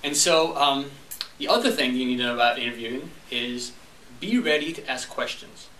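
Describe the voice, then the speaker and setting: In a club meeting room, a French-speaking young adult from Montreal, Canada, tells a comic story and performs the lines of the people in it. His voice sits in the mid range, bright and forceful, at a normal speed. The mic is far away, so the room echoes and faint noise lingers behind him.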